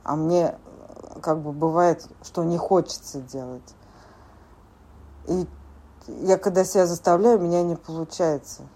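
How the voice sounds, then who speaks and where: A woman in her forties sharing at a recovery group meeting, speaking haltingly with many filler words. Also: lowish voice, steady tone, mellow. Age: 40s. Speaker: support group member.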